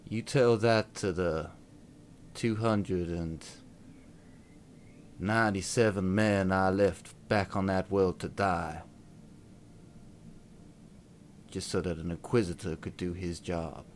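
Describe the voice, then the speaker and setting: A man playing a stern, dutiful soldier in a tabletop game, speaking formally and deliberately, with faint background noise. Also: low-pitched, steady tone. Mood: bitter. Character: Magnus, stern dutiful male soldier, loyal and haunted.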